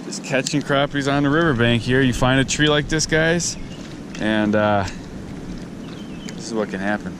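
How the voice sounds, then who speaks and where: An excited fishing host by a noisy river chats with his viewers as if they're his guys, using a medium pitch and moderate pace with long pauses. His casual commentary comes from a riverbank and fallen tree, recorded through a head- or chest-mounted action camera mic full of river and wind noise.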